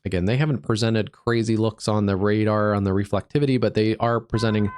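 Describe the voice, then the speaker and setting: A man hosting a live severe weather stream as a meteorologist, stuffed up from allergies, talking through the radar in an easygoing, halting way with many fillers. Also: on the low side, steady tone, darkish tone, clear, resonant tone, dry recording. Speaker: digital meteorologist, livestream host.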